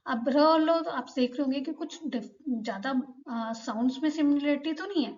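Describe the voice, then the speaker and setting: एक महिला शिक्षिका धैर्य से पाठ समझाती है और हर उच्चारण को धीरे-धीरे दोहराती है।. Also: female voice, high-pitched, darkish tone, lo-fi sound. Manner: patient, repeats each sound slowly for learners. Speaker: Korean language teacher. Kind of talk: slow explanatory lesson.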